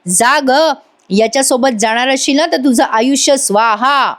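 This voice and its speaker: A harsh middle-aged father speaks slowly and coldly, stretching his taunts, as a woman narrator puts him on. He sounds unforgiving and mocking, a serial villain of a parent. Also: sits high, fairly bright tone. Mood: cold, taunting.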